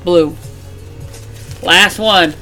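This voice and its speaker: A woman's voice: on the low side, drawn-out words, bright, forceful tone, soft background music, low-quality recording. A woman hosting a casual toy unboxing, chatty and narrating each find while she has the hiccups. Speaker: channel host.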